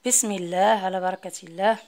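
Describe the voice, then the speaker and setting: Moroccan woman teacher going over french grammar, reads the rules out slow, switches between arabic and french. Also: mid-range voice, fairly even intonation, darkish tone. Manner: slow, deliberate dictation when reading French rules; mixes formal Arabic with Moroccan Arabic and French terms. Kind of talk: classroom lesson explaining French grammar.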